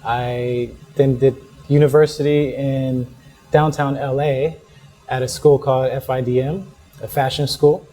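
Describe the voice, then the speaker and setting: A man's voice: mid-range voice, a little slow, faint music behind. A young man in a casual interview, talking easily with frequent small laughs and fillers. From born in the United States, raised in Hong Kong. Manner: relaxed, laughs often, many fillers. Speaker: interview guest, fashion entrepreneur.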